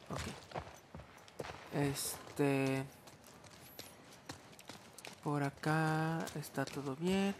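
A young Mexican man doing let's-play commentary, muttering hushed self-coaching through stealth with sudden loud outbursts. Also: a little high, slight background noise. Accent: Mexican Spanish. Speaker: gaming streamer.

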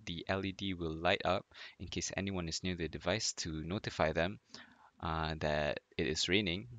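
A young man from Malaysia talks through his class project in a low voice with a gravelly edge. He pauses often and fills the gaps with small hesitations, apologizing along the way. The sound is dry and close, as from a headset at a home desk. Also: fairly bright tone, no room sound, highs cut off. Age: young adult. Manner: hesitant, apologetic, many fillers. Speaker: student presenter.

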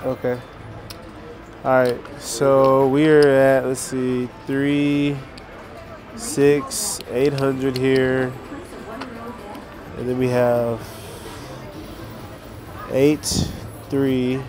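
A man's voice: mid-range voice, flat delivery, extremely slow, long pauses, a crowd in the background. A man chatting casually as he plays craps, repeating short rooting phrases and counting chips aloud. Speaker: craps player. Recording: music behind the voice.

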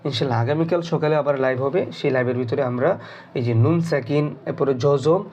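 A man's voice: medium pitch, fairly even intonation, fast, a little mellow. A Bangladeshi Bengali-accented man teaching Quran reading, spelling each letter and vowel mark and then blending them into words. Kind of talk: slow syllable-by-syllable recitation lesson.

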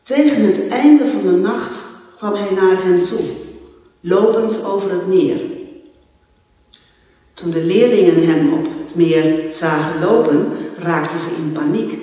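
Slow solemn man in echoey church. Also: high voice, dark tone. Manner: slow, measured, solemn reading. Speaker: worship leader reading scripture. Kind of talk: church prayer and Bible reading. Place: large church. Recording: echoey church hall, mic far off.

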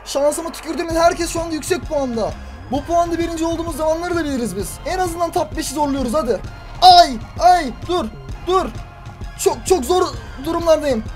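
A man's voice: extremely high pitch, fairly quick, faint music behind. A man commentating his own gameplay for a video, talking to himself and crying out at what happens on screen. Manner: excitable, talks to himself and cries out at the game. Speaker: gaming YouTuber. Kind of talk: let's-play commentary.

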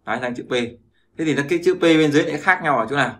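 A language teacher rattles through a pronunciation lesson at a very fast pace, his voice a little high and a bit bright. He repeats sounds over and over and keeps checking that his listeners are keeping up.

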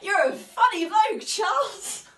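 A woman's voice: extremely high pitch, expressive, takes it slowly, bright, forceful tone, exaggerated voice. A woman auditioning as a wife facing divorce who mocks her husband, sarcastic and laughing through tears, recorded from a distance in a roomy space. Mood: mocking. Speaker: drama school auditionee. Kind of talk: audition monologue. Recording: roomy, from far off.

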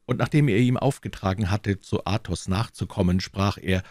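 A man narrating a classic novel as an audiobook, reading in a lively, expressive way. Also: low voice, moderate pace, no room sound, clean studio sound. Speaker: audiobook reader.

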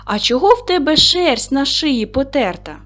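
A woman's voice: high voice, very animated, normal speed, a bit bright, voice pushed up. A woman voicing a hungry, curious male wolf in a folk tale read aloud to children. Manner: questioning, storybook reading voice.

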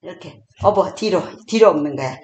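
A woman's voice: fairly low pitch, lively intonation, a little fast, darkish tone. An older woman, a grandmother, casually leading home exercises, counting aloud and chatting to a small child. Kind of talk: casual spoken instruction with counting. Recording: echoey room with faint noise.

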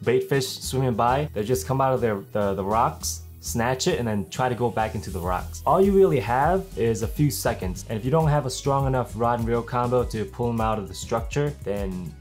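A young man vlogging casually to camera, chatty and relaxed, often tossing in "man". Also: mid-range voice, normal speed, few pauses, faint music behind. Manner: laid-back, chatty, says "man" a lot. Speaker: fishing vlogger. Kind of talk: casual gear talk to camera. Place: small indoor room with blue wall. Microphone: camera-mounted shotgun mic.

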